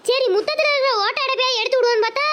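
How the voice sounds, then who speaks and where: A woman's voice: very high-pitched, racing, bright, forceful tone. A woman with a Madurai Tamil accent voicing a scolding village mother in a cartoon. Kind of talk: cartoon voice acting, many village characters.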